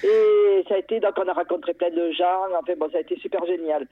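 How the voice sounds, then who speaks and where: A woman calling in to a radio show, telling a personal story in a lively way, often restarting her sentences. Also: lowish voice, fast, dry recording. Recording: tinny phone line.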